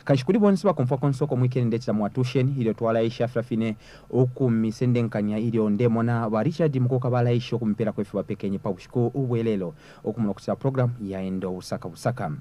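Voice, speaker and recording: Zambian guy hosting a program, talks fast, dark mellow voice. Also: medium pitch. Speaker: radio-style programme host. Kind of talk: programme presenting.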